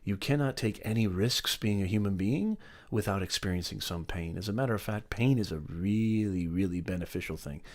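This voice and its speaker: On a motivational live stream, a middle-aged male host speaks briskly in a fairly low register. He drives his points home emphatically, says them again, and calls out viewers by name.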